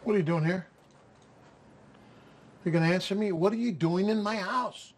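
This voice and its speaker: A man's voice: a little high, fast, mellow, close to an everyday voice. An actor playing a stern, bitter grieving father who scolds an intruder in harsh, cold orders. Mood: scolding. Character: grieving middle-aged man, stern and bitter. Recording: film dialogue from afar.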